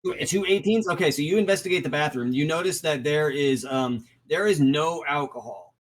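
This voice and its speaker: A man's voice: on the high side, fairly quick, low-quality recording. A man narrating as game master in a tabletop game played online, hesitant and full of restarts. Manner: hesitant, many restarts and ums.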